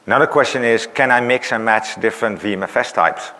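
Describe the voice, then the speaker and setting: This presenter's mid-range voice is fast and sharp as he gives a technical conference talk despite losing his voice. He explains with many "uh"s and "right?" tags, and the large hall he's in makes the recording reverberant.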